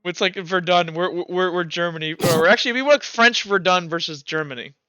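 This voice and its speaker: A young man acting as game master in a casual tabletop game chats away, stumbling over words, tossing in quick asides and frequent fillers. His high voice sounds pushed, bright and smooth. The recording has no echo, but its highs are cut off.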